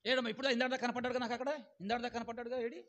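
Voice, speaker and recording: Male pastor, high bright voice, sermon full of questions to the congregation. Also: level tone, rapid-fire, dull audio. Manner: calls on the congregation to answer aloud; keeps asking "ఏమండి?".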